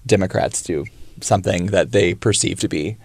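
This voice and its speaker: A man's voice: deep voice, normal speed, creaky, a little mellow, breathy edge, no room sound. A man appearing as a guest on a radio talk show, making political points in a firm, matter-of-fact way with a wry edge. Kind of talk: casual political chat.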